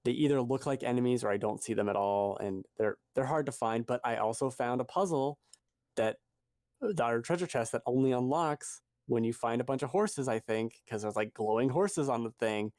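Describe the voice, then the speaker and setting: A man's voice: mid-range voice, moderate pace, a little mellow, dry recording, clean studio sound. Rambling man chatting on a podcast. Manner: rambling, self-correcting, chuckles at himself. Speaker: podcast co-host. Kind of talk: casual chat.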